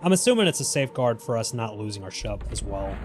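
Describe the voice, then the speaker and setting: A man giving excitable let's play commentary, swearing and laughing often as he plays. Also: fairly low pitch, fast talker, slight background noise. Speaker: gaming YouTuber.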